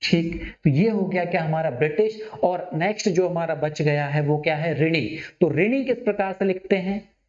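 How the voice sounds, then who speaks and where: A man teaching a Hindi spelling class, asking his students questions and repeating words slowly. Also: fairly high pitch, darkish tone. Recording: dull, echoey classroom recording.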